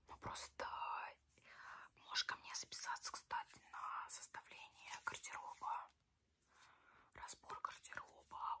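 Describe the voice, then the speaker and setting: A woman in her twenties doing a whispered role-play as a chatty, tactless, self-promoting makeup artist, talking in an offhand, rambling way. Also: bright, forceful tone. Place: small room at home, indoors.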